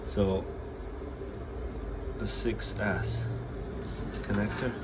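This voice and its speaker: Heavy background noise surrounds a man with a cold as he plainly explains a phone repair at his workbench, restarting now and then, in a casual hands-on demo shot on a phone camera held over the bench. He draws out his words in a fairly low, fairly even voice.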